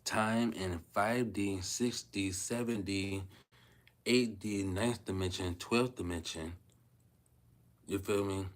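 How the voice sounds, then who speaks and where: A rambling man in his thirties chats loosely to his livestream viewers. His voice sits on the low side, and he circles back on his own phrases again and again. His pace is unhurried and laid-back. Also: steady tone. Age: 30s. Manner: rambling, repeats himself, keeps asking "you feel me". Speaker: vlogger. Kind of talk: casual livestream talk to viewers.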